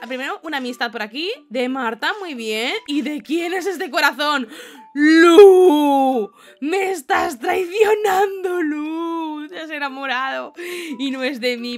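A young woman giving animated, excited let's-play commentary, often exclaiming and laughing. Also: high voice. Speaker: gaming YouTuber.

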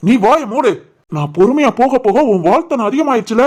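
A stern young father in a cartoon, voiced by a woman, talking fast in a somewhat high voice. He has a Kanyakumari-Tirunelveli Tamil accent and scolds harshly, fiercely protective. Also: expressive. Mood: scolding.

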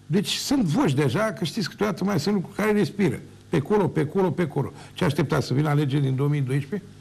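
An older Romanian man who once served as mayor delivers a heated monologue on his own TV show, ranting emphatically and repeating words for force. His voice is somewhat high, slightly mellow, with vocal fry and a breathy edge.

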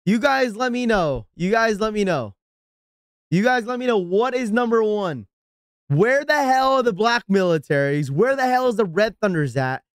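Guy ranting on his live stream, smooth clean voice, dry close sound, keeps shouting out subs. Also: sits high, animated, moderate pace, dry recording. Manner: ranting, exasperated, shouts out subscribers. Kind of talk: live stream reacting and chatting with viewers.

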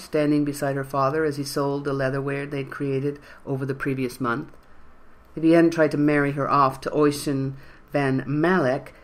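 A narrator reading a fantasy novel in an even, measured storytelling way. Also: mid-range voice. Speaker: audiobook narrator. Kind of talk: scripted narration.

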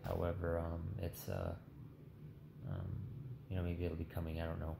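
A man in his thirties giving a casual, halting update in a weak, tired, subdued way after surgery, with a sore throat. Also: sits low, completely flat delivery, vocal fry, music in the background. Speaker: patient vlogger. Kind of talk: casual recovery update, talking to camera. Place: small hospital room, lying in bed. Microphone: phone held at arm's length. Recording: roomy, noisy phone recording in hospital room.

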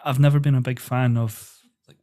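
A young man talks through his stories at an easy, unhurried pace. His voice sits at an ordinary middle pitch. He sounds calm and untroubled as he chats as a podcast guest. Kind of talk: casual chat.

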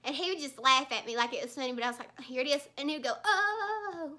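Young female beauty vlogger, high pitch, chatty and heartfelt, full of fillers and restarts. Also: fairly even intonation, rapid-fire, pushed and bright. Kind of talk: casual chat while doing makeup.

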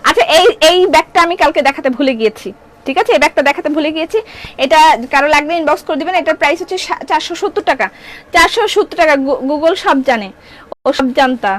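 A middle-aged woman with a Bangladeshi accent, running a live clothing sales stream, talking fast and playfully while reading viewer comments. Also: sits high, a bit bright. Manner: fast, chatty, playful, reads comments aloud. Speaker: shop owner selling clothes on a live stream.

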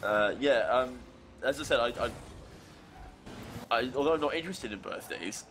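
A young man streaming a game, chatting casually and reacting with animated, joking remarks. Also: medium pitch, moderate pace, slight background noise. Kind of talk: casual chat while gaming. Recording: game music playing behind the voice.

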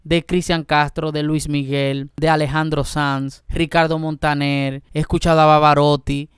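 An excitable young man talks casually to his viewers as he reacts to a video. His voice is smooth and clean, sitting at an ordinary pitch, and it is recorded dry and close with no room sound. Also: moderate pace, no echo. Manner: excitable, exclaims and addresses viewers as "mi gente".

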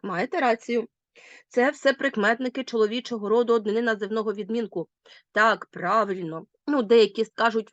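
A woman's voice: on the high side, no room sound, dull audio. A woman with a Ukrainian accent teaching a recorded school lesson, asking her pupils questions as she goes. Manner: lively, addresses pupils directly with questions.

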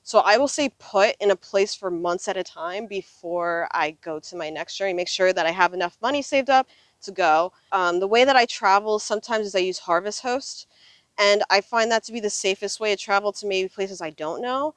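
Recorded on a clip-on lapel mic out on an open desert gravel lot, a woman in her thirties talks earnestly and reflectively as a guest in a casual interview. She lives full-time in an RV. Her voice is medium-pitched, smooth and moderately paced, and the recording is dry.

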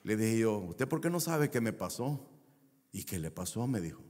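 A man's voice: fairly low pitch, sing-song, moderate pace, a little mellow, big-room sound. A man preaching a sermon as a pastor, stretching key words for emphasis and telling a personal story. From El Salvador.

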